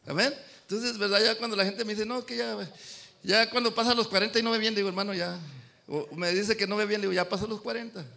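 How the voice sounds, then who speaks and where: A pastor preaching a sermon, swinging between loud and soft and calling out amen to the congregation. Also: male voice, sits high, steady tone, fairly quick, gravelly. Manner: addresses congregation as brothers, calls amen.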